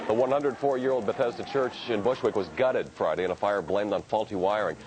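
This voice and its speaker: A man's voice: on the low side, fairly quick, background noise. A man anchoring the news, reading scripted copy in a broadcast style.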